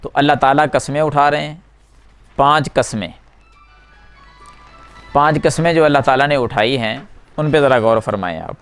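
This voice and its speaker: Clear-voiced man teaching from a whiteboard. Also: mid-range voice, pauses often, a bit bright, soft background music. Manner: asks the class questions and answers them himself, repeating key words. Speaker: Quran teacher. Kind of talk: classroom explanation at a whiteboard.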